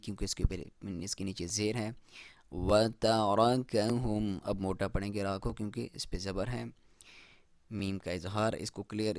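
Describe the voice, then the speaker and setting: A man teaching Quran recitation rules step by step. He explains each rule plainly, then recites the verse slowly in a raised voice. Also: on the low side, a little mellow, dry recording. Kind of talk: step-by-step tajweed lesson.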